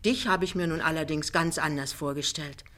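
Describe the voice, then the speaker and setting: A woman's voice: low voice, brisk, fairly bright tone. A woman reading an audiobook, voicing a vain, thrifty middle-aged mother with a gushing, bossy and theatrical manner.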